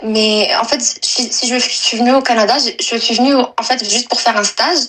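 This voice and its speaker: A woman in her twenties from Algeria, calling in to tell a personal story, halting and full of fillers and restarts. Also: fairly high pitch, steady tone, a bit bright, low-quality recording. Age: 20s. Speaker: caller. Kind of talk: personal confession on a live call.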